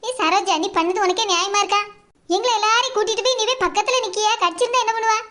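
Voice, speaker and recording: A woman with a southern Tamil Nadu dialect voicing a village neighbour in a cartoon, chattering quickly. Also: very high-pitched, bright, forceful tone. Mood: reasoning. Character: calm neighbour woman, peacemaker.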